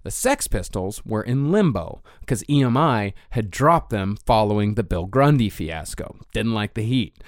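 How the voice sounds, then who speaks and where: A man co-hosting a podcast, talking in an animated way, swearing freely and laughing a lot, and at times narrating from notes. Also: fairly low pitch, normal speed, hardly any pauses, no echo, clean studio sound. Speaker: podcast co-host. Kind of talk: casual chat and read narration.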